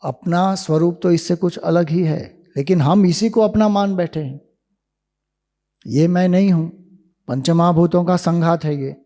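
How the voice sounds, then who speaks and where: A man giving a spiritual discourse, explaining ideas slowly with rhetorical questions to listeners in a hall. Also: fairly high pitch, mellow. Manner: slow, deliberate, rhetorical questions. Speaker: spiritual teacher. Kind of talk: Vedanta discourse to youth camp.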